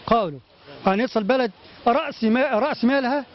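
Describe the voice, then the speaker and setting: A man with an Egyptian accent answering interview questions, halting with many restarts and pious phrases. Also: extremely high pitch, dull audio. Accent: Egyptian Arabic. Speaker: community guest.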